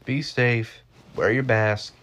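A man's voice: mid-range voice, fairly even intonation, slow pace, heavy background noise. A man in his twenties hosting a solo podcast, rambling offhand with jokey asides. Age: 20s. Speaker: podcast host.

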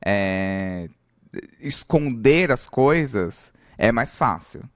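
A man's voice: medium pitch, expressive, extremely slow, dry recording, clean studio sound. Joking Brazilian man in casual chat. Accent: Brazilian Portuguese. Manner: loose and joking, with frequent fillers.

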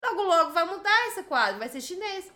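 A Brazilian woman co-hosting a casual livestream chat, animated and teasing and quick to scold her partner. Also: very high voice. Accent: Brazilian Portuguese. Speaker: livestream co-host.

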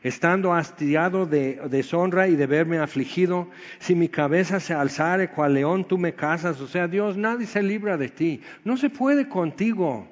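A man preaching a sermon with a higher-pitched voice, jumping from loud bursts to low quiet asides. The sound is muffled and dull. His voice rings with a long reverb, as in a large hall. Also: measured pace, hardly any pauses. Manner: animated, swings between loud exclamations and low quiet asides. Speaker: pastor.

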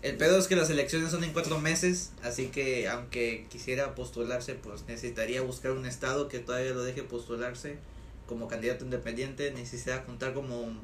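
A man's voice: mid-range voice, fairly even intonation, fairly quick. A young man, chatting in casual slang as a podcast co-host. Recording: roomy echo, faint noise, clicks.

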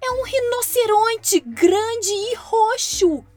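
Little girl, high-pitched and insistent, ignored by her parents; a woman reader puts her on. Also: takes it slowly, darkish tone, soft background music. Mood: urgent, pleading. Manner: high, urgent calling out.

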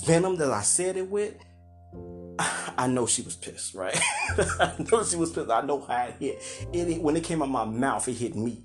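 A middle-aged man, hosting a podcast and telling a story in a loose, profane, animated way, acting out quotes and laughing. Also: fairly high pitch. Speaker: podcast host. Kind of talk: casual storytelling monologue.

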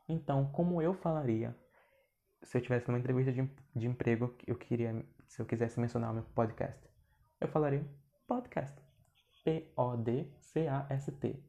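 A man from Brazil with a Brazilian accent talks through an informal podcast lesson, chatty and loose with his sentences. His voice is gravelly and dark in tone, sitting at a middle pitch. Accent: Brazilian Portuguese. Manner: chatty and informal, with frequent restarts. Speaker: podcast host and English teacher.

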